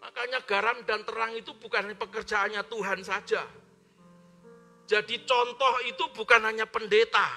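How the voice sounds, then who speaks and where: A man preaching a sermon in church, speaking loudly and forcefully and calling on the congregation to repeat his words. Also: very high-pitched. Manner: loud forceful preaching with call-and-response prompts. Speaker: pastor. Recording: live-streamed church service with faint music.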